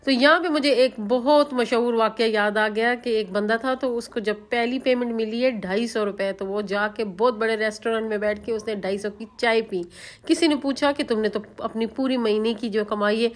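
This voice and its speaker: A woman's voice: fairly high pitch, fairly even intonation, moderate pace. A woman vlogger from Pakistan, narrating her outing in a chatty, homely voice-over. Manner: chatty, homely, leans on filler phrases.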